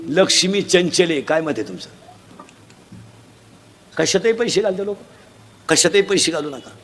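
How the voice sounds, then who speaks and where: A man preaching a comic devotional sermon, loud and joking, quizzing the audience with blunt, earthy village humour. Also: a little high. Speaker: kirtan preacher.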